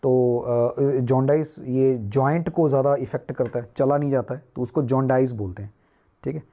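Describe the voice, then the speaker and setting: A man's voice: medium pitch, moderate pace, warm tone. A man teaching newspaper vocabulary, asking and answering his own questions at a whiteboard.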